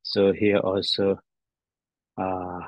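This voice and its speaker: Casting: male grammar teacher, low-pitched, very slow and halting, repeats forms aloud, dull lo-fi sound. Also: monotone. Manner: halting, repetitive, thinking aloud. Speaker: teacher, addressed as a Buddhist monk. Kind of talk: grammar lesson on verb endings, reciting forms. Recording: dull, roomy lo-fi audio.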